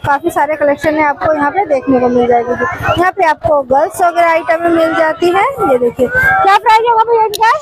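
High-pitched delhi hindi woman on a phone mic, walking a packed street market, traffic noise all around. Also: a little fast. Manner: chatty, calls out prices to sellers. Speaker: vlogger. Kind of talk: casual market walk-through vlog. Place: crowded outdoor street market.

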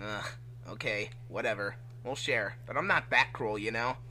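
A man's voice: fairly low pitch, normal speed, sharp tone, a little hiss or hum, pitched below the performer's own voice. A man voicing a cocky, teasing, laid-back hedgehog hero in an amateur fan fiction reading.

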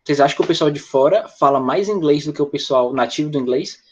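Brazilian guy teacher, online english class, higher voice, kinda muffled dull audio. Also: quick pace, background noise. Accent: Brazilian Portuguese. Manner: explanatory, talks with students by name and reads the chat.

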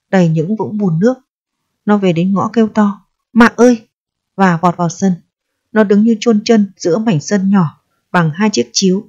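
A woman narrating an audiobook with calm, steady storytelling, on a slightly dull lo-fi recording. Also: on the low side. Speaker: audiobook reader.

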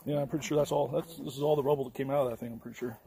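A man's voice: medium pitch, fairly even intonation, rapid-fire, gravelly, dark tone, slight background noise. A man hosting a travel vlog outdoors on a hiking trail, chatting in a rambling, easygoing way full of fillers, recorded on a camera mic. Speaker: travel vlogger, host. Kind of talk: casual vlog narration on a hike.

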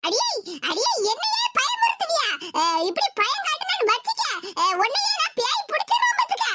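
A woman voicing a gloating scheming woman with a Tirunelveli accent, slow and cackling, in a cartoon. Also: very high voice, sing-song, heavy background noise. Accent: Tirunelveli Tamil. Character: gloating scheming woman who stole money.

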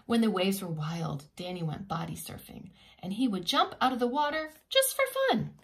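A woman preschool teacher reads a children's picture book aloud, expressive and teacherly, tossing in simple asides. Her voice is mid-range and her pace moderate.

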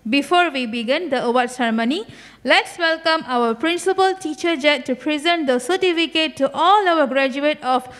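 A woman's voice: sits high, moderate pace, fairly bright tone. A woman emceeing a preschool graduation, announcing names on a handheld mic in a school hall. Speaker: ceremony emcee.

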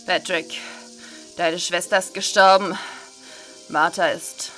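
Girl doing a low, heavy grieving game dad, slow and halting, bright edge still there. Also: steady tone, faint music behind. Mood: grave. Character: grieving father, middle-aged man, solemn.

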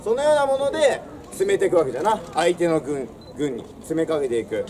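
A young adult man gives a theatrical outdoor history lesson in old samurai speech before a castle stone wall, projecting like a swaggering, declamatory storyteller. His voice is on the high side, animated, brisk and a little mellow. It is recorded from a distance, with crowd, birds and traffic audible.

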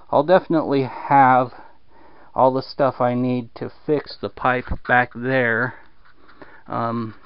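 Slow, gravelly man filming a basement. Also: medium pitch, no echo. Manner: rambling, drawling, lots of fillers. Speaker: home repair vlogger. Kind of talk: casual handheld walkthrough. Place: damp basement indoors. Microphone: handheld camera. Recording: dull lo-fi camera audio.

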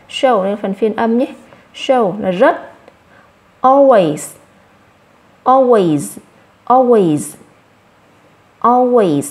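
A woman with a Vietnamese accent teaching English vocabulary to children. She repeats each English word slowly, then explains it. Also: fairly high pitch, darkish tone.

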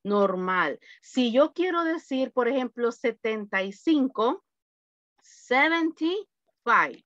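Slow, patient woman teaching online. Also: a little high, expressive, a bit bright, no echo. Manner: slow, patient, drills number lists. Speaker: English teacher. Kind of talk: online class lesson. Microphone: video call. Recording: dull, lo-fi video call audio.

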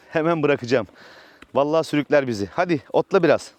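A man's voice: on the high side, lively intonation, normal speed, no echo. Chatty man vlogging from his farm. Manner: chatty, talks softly and coaxingly to his horse. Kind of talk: casual vlog narration. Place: outdoors on a village farm.

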